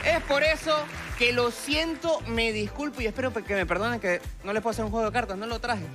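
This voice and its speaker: Crowd noise accompanies an extremely high-pitched, fairly quick voice: a Venezuelan stage magician in his twenties competing on a talent show. He addresses the judges directly through a headset mic with theatrical patter, on a large TV studio theatre stage with music underneath.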